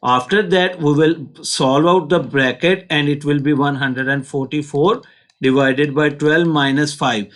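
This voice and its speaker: A male teacher with a Pakistani accent and a slightly high voice. He explains step by step in a patient, instructional way, as in a school maths lesson. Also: fairly even intonation, unhurried, a bit bright.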